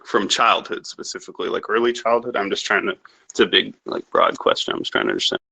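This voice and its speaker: A man's voice: sits low, wildly swooping pitch, fast, creaky, sharp tone, slightly rough, low-quality recording. A young man from Canada, a podcast guest telling rambling, profane, self-assured stories about his upbringing. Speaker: interview guest. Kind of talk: casual podcast interview.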